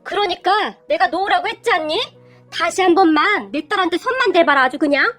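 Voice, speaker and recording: A woman voicing a fierce, protective middle-aged mother who yells and scolds. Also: extremely high pitch, expressive, fairly quick, faint music behind, pitched above the performer's own voice. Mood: furious. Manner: scolding, yelling.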